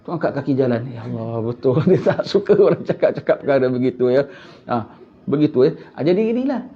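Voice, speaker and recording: Talking fast and expressively in a fairly high voice, this man preaches an Islamic lecture in everyday colloquial Malay. He fires off rhetorical questions and breaks into sudden emphatic bursts, heard through a muffled, lo-fi recording.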